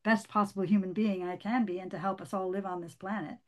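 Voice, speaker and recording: A woman reading aloud, voicing a gentle mother who speaks softly and tenderly to her child. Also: medium pitch, fairly even intonation, quick pace, natural voice. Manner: soft and tender.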